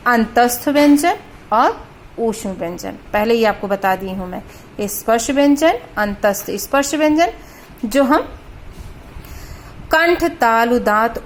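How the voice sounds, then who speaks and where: A woman with a fairly high voice, teaching grammar in a patient, steady way. She sounds out each letter slowly and repeats it. A faint hiss of noise sits under the recording. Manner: mixes in English words. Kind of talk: explaining at a board.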